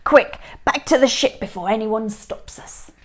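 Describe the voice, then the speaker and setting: A woman voicing a bossy male pirate chief who barks orders and jeers, reading slowly from a storybook. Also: fairly high pitch, fairly bright tone, a little hiss or hum. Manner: barking orders, jeering.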